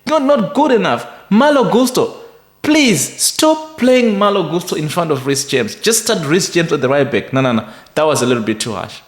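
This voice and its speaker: Young male fan, emphatic and exasperated, slightly high pitch, roomy echo. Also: very animated, normal speed, hardly any pauses. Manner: frustrated, emphatic, repetitive. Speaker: football fan reviewer. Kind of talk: ranting match review. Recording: echoey room.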